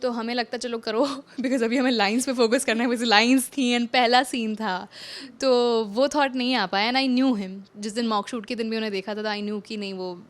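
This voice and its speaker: Young actress guest, slightly high pitch, chatty and rambling with restarts. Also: female voice, fairly even intonation, moderate pace. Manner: chatty, mixes English into her talk, many restarts. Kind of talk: casual interview chat.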